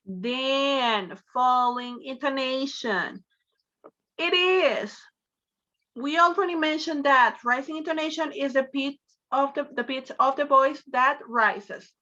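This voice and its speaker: Woman teacher, high and bright, patient and encouraging; muffled video-call audio. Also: slow pace. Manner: encouraging, prompts students with repeated questions. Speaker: English teacher. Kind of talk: online class lecture.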